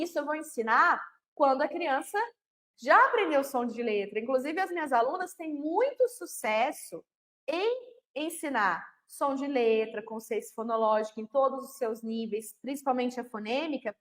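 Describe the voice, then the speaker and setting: A woman with a Brazilian Portuguese accent giving an online lesson to teachers, explaining step by step and answering her own questions. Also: high-pitched. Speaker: literacy teacher trainer. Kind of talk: online lesson on phonological awareness.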